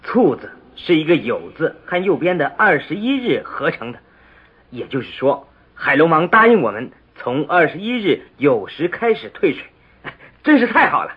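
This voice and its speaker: An actor plays an earnest magistrate in a storybook drama, husky and animated in pitch. The recording is muffled and lo-fi, with faint music underneath. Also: male voice, normal speed. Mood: eager. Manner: lively, eager speech. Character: earnest determined male magistrate.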